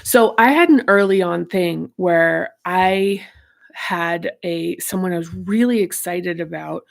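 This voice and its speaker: Slow and gravelly, her lowish voice carries this self-help author as she talks loosely through concepts from her book. She rambles and searches for words, using plenty of fillers along the way.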